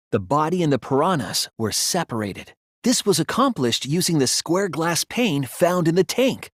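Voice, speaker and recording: Shuichi Saihara, expressive young detective. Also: male voice, on the high side, dry recording, clean studio sound. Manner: earnest, deliberate, deductive, sometimes hesitant. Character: earnest young male apprentice detective, reasoning intently. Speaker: video game voice actor. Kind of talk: dramatic anime game dialogue.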